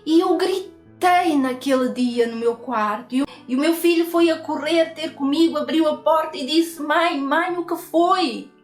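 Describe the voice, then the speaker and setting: A woman's voice: high-pitched, normal speed, reverberant, soft background music. A woman with a European Portuguese accent giving a personal faith testimony, earnest and repetitive, often ending with tag questions.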